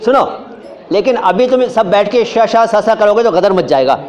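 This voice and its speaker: A man teaching Hindi and Urdu pronunciation in a lively lecture, drawing out syllables slowly and joking with his students. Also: sits high, muffled recording. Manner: demonstrates sounds slowly, repeats syllables, jokes with students. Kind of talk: lively classroom-style lecture.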